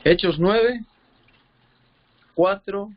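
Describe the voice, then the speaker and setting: A man preaching a sermon with fervor, reading scripture slowly and often repeating words as he searches for them. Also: high voice, highs cut off. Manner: reads scripture slowly, drawn out.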